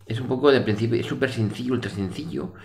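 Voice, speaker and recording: A man's voice: medium pitch, fast talker, a little mellow. A middle-aged man with a Spain Spanish accent casually explains game rules in a rambling, colloquial way. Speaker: board game reviewer. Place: small room indoors. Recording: roomy echo.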